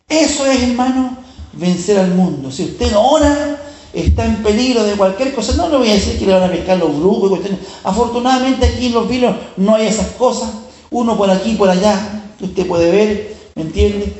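High-voiced preacher in an echoey room. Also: male voice, a little mellow. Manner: addresses the listener directly, often checking they follow. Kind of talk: storytelling sermon.

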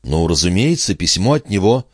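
A man's voice: low-pitched, very animated, moderate pace, dry recording, studio quality. A man voicing a fretful young country girl. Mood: anxious. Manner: pleading, fretful, shifting to whispers.

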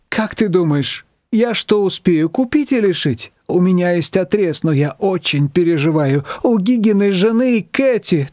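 A fretful mother-in-law pours out her worries in a high, swooping voice, as a man puts her on. She rambles and exclaims with a lot of emotion. The sound is close and dry. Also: darkish tone, no room sound. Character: fretful, dramatic older woman, a mother-in-law.

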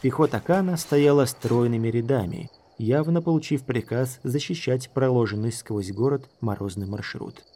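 A man narrating an audiobook in a measured storytelling manner. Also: medium pitch, mellow.

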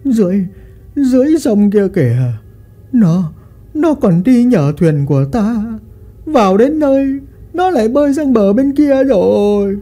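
A woman's voice: fairly high pitch, sing-song, measured pace, mellow, faint music behind, voice pushed up. A woman voicing a stammering scared old fisherman. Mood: shaken, whining. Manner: stammering, panicky.

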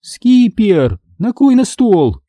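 A man voicing a distracted, stern mother who speaks curtly and high. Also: very animated, normal speed, dark tone, no echo, highs cut off. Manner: curt, dismissive.

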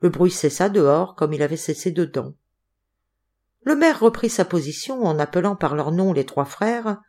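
A woman reading a classic novel aloud as an audiobook, with an expressive delivery. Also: lowish voice, normal speed. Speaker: audiobook reader.

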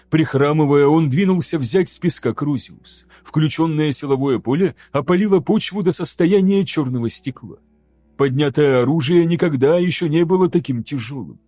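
A man narrating an audiobook in a measured, dramatic reading style. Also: on the high side, warm tone, no echo. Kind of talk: scripted narration.

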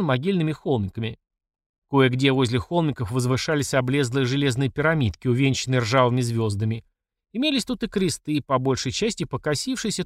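A man narrating an audiobook with expressive storytelling. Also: medium pitch, no echo, clean studio sound. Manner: expressive storyteller, voices each character. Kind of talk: scripted narration.

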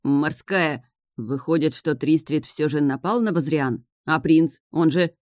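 A woman voicing a bewildered young man who speaks hoarsely. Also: deep voice, unhurried, a little mellow, no echo, clean studio sound.

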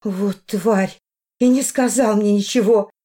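A woman's voice: a little high, moderate pace, a little mellow, lightly acted. A woman voicing an emotional middle-aged mother who pleads and flares up in anger. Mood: indignant. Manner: pleading, agitated outbursts.

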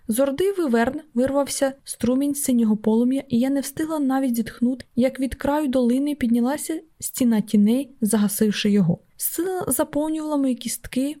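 A woman reads an audiobook in the first person, her voice sitting a little high. The tone is warm and mellow rather than bright. Her delivery is steady and measured, a scripted narration.

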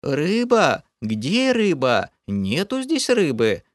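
A man voicing a small, panicky male swamp creature in an audiobook, with a shrill squealing voice that wails and repeats itself. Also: wildly swooping pitch, takes it slowly, dry recording, studio quality, exaggerated voice. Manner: wailing, repeats himself in panic.

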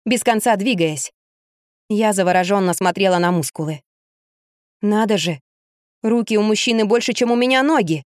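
A woman reading a first-person story aloud in an expressive, lively storytelling manner. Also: medium pitch, no room sound, clean studio sound. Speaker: narrator.

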